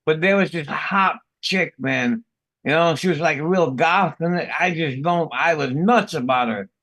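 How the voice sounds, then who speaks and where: A man's voice: a little high, unhurried, fairly bright tone, no echo. A middle-aged man from the Bronx, a podcast host swearing and laughing through casual stories. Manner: profane, laughing storyteller. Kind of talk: casual chat.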